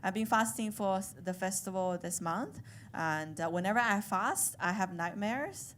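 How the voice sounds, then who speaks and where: A woman in her thirties from China, whose first language is Chinese, does a deadpan, self-deprecating stand-up set at a comedy club in her Chinese accent. She speaks at a moderate pace in a medium pitch, with slight background noise.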